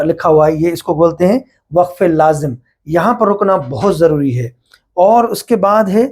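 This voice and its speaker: A man's voice: high voice, darkish tone. A man from Pakistan with a Pakistani accent, a Quran teacher giving a patient whiteboard lesson and slipping English terms into his explanations.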